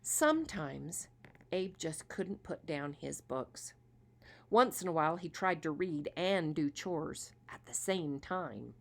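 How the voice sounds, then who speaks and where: Casting: lowish-voiced woman storyteller, animated reading for kids, stops to ask questions. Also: slow, vocal fry. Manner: expressive, asks listeners questions.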